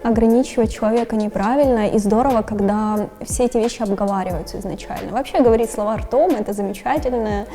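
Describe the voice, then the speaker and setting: A woman in her twenties answers calmly and briefly, her high voice mellow and warm. Faint music plays behind her. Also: quick pace, few pauses. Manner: calm, short and positive answers. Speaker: blind date contestant. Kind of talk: casual chat.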